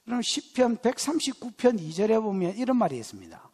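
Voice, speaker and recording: A man's voice: sits high, brisk, breathy edge. A middle-aged male pastor with a Gyeongsang dialect, preaching a sermon and telling personal stories with jokes aimed at the congregation. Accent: Gyeongsang Korean dialect. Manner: animated, joking storyteller who teases the congregation. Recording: long church hall reverb.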